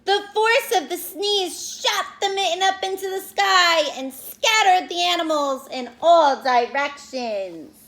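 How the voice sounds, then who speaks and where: A woman with a high-pitched voice speaks as a teacher to young children. She takes her time, with an unhurried, expressive storytelling delivery. Her phrasing is simple and direct, made for little listeners. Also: poor audio. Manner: explains words and addresses children directly. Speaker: elementary school teacher reading aloud to pupils. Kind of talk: expressive children's read-aloud and lesson talk.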